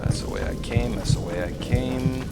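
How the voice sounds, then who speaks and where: A man's voice: medium pitch, moderate pace. A tipsy man giving casual, sweary commentary as he plays a video game during a drinking challenge. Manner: foul-mouthed, swearing freely. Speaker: gamer doing a drinking challenge playthrough. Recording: loud game music behind voice. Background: loud game music.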